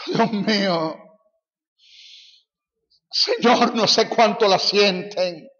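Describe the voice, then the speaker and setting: Brief: a man doing a gushing, high-pitched preacher, breathless and repetitive, echoey lo-fi hall recording. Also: drawn-out words, fairly bright tone, heavily acted. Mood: fervent. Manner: breathless, emotional, repetitive exclamations. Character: excitable male preacher claiming to feel the Spirit.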